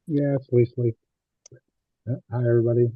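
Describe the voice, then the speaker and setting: A man on a group call, speaking haltingly with many fillers while his glitchy audio keeps cutting out. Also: medium pitch, level tone, no echo. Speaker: team member on a group call. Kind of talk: casual chat. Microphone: computer mic on a video call. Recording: dull lo-fi call audio with dropouts.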